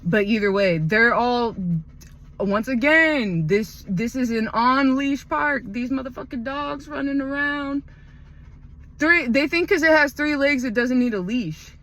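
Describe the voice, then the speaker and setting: Slow-talking woman, profane rambling storyteller. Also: high-pitched, rough recording. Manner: profane, meandering, deadpan asides. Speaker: vlogger. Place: outdoors in a wooded park.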